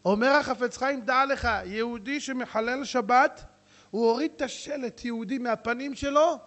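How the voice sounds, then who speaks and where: Male rabbi, high-pitched preacher, lively sermon storyteller who shouts and whispers. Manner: animated storytelling, swings between shouting and hushed asides. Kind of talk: sermon with jokes and acted dialogue.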